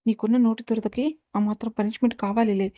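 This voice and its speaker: A woman's voice: fairly high pitch, little pitch movement, fast talker, no echo, muffled recording, close to an everyday voice. A woman voicing a blunt young female student who scolds in a storybook reading. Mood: scolding.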